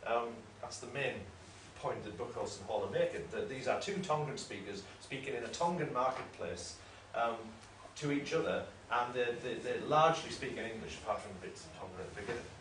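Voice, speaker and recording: A man's voice: medium pitch, expressive, a little fast, hardly any pauses, a bit bright. A man giving an academic lecture in a discursive, explanatory way, often correcting himself. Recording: roomy room, mic at a distance, faint noise.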